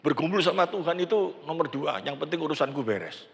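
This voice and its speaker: An older man preaching a sermon in a large church, acting out quoted prayers with animated delivery. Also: on the high side, brisk, creaky. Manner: animated preaching, acts out quoted prayers, mixes in Javanese words. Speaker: pastor. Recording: church sound system with long hall reverb.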